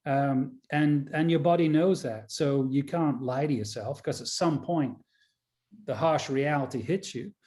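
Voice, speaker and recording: A man's voice: medium pitch, dark tone. A man, a golf caddie and coach, talking in a casual rambling way with many fillers and restarts. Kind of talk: casual conversation. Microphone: video call.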